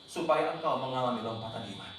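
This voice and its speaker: A man preaching a sermon as pastor, emphatic, tossing in English words and sometimes shouting out quoted cries. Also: mid-range voice, fast. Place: church hall. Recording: very echoey church hall, mic at a distance, faint noise.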